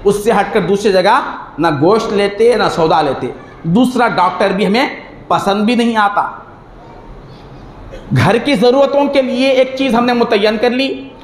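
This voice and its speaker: A male preacher, delivering a religious sermon full of rhetorical questions, recorded in a mosque hall. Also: high-pitched. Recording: echoey hall with faint noise.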